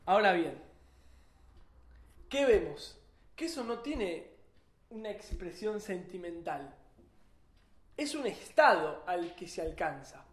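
In an echoey room, a Rioplatense-accented man leads a Torah class, explaining concepts and asking students questions. He speaks slowly with frequent pauses, his high voice swinging widely in pitch.

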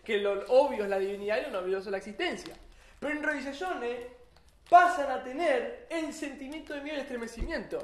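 A man with a Rioplatense Spanish accent teaching a Torah class, explaining ideas and asking the students questions. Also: extremely high pitch. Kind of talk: religious class. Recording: echoey room.

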